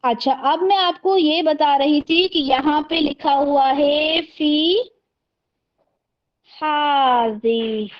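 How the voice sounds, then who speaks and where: A woman teaching an Arabic grammar class over a video call, patiently quizzing her students and slowly repeating terms. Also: sits high, highs cut off. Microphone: video call microphone.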